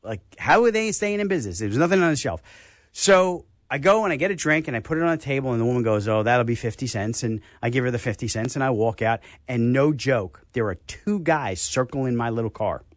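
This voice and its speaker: An older man with a New York accent, hosting a radio health talk show and telling stories in a casual, animated way. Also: medium pitch, a little fast, no room sound, clean studio sound. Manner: animated storyteller, acts out voices.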